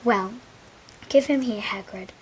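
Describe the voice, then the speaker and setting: Dumbledore, a woman doing a calm wise old wizard. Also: mid-range voice, unhurried, a little hiss or hum, close to an everyday voice, poor audio.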